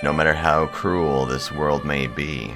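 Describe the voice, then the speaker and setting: This gaming video host has a rumbling low voice, a steady tone, and a slightly slow delivery. With music behind him, he mixes casual commentary with read-aloud narration of visual novel text, and his jokes are blunt, crude, and full of swearing.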